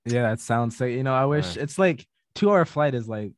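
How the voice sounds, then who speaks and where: A male podcast host talks in a laid-back, slangy way and lights up easily as the chat goes on. His voice sits at a mid pitch and sounds close and dry, with no room around it. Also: expressive, brisk, dry recording. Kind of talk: casual interview chat.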